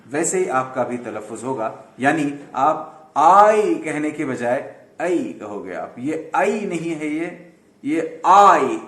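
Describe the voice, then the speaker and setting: A man teaches pronunciation at a deliberately slow, patient pace, drawing out each letter sound. His voice sits a little high, and the room rings with noticeable echo. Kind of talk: explaining lesson to camera.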